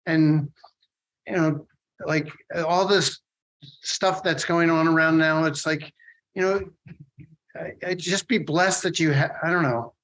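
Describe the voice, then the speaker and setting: Rambling, slightly high-voiced older man. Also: steady tone, a bit bright, rough recording. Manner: rambling, halting with many restarts. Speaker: guest, artist and sculptor. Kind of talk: casual podcast interview.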